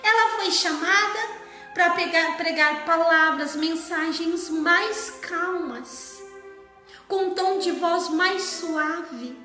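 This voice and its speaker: High bright woman preaching slowly. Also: soft background music. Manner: slow, emphatic preaching with sung phrases. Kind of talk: sermon. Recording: echoey room.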